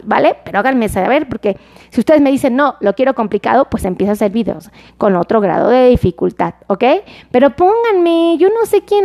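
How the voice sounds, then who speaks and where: A Mexican woman doctor talks to her livestream audience in a high, bright register. She is chatty and uses lots of diminutives. She explains things plainly and keeps asking viewers to reply. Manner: warm, chatty, fond of diminutives, asks viewers for replies. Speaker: doctor giving health advice on a livestream. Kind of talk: casual livestream talk, reading viewer comments.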